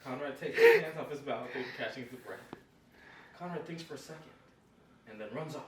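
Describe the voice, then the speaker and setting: A man's voice: mid-range voice, lively intonation, brisk. A man narrating stage directions at a script table read, recorded in a noisy room from away from the mic. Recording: roomy, far from mic, noisy.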